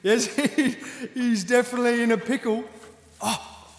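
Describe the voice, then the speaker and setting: High-voiced, smirking Nome King villain. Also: fairly even intonation, a little slow. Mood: gleeful mocking. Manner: mocking, chuckling, smug. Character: gleeful smirking male Nome King, mocking villain of a mountain. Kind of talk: full-cast fantasy audio drama acting. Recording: roomy, long cavernous reverb.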